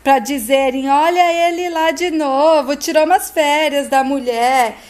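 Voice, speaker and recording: A woman voicing an unhinged, jealous wife in a retold soap opera scene, in shouted, pleading outbursts. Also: on the high side, normal speed, natural voice. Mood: frantic.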